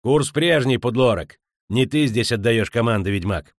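A man voicing a gruff, scornful ship captain who bullies and shouts down others, in an audiobook. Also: fairly low pitch, moderate pace, no room sound, studio quality, natural voice. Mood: bossy.

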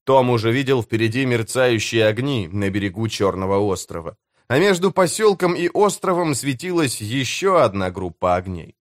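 Мужчина-чтец ровно и размеренно читает приключенческую аудиокнигу. Голос средней высоты, запись сухая, без эха комнаты. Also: male voice, medium pitch, expressive, normal speed, no echo, clean studio sound. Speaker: audiobook narrator. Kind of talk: scripted narration.

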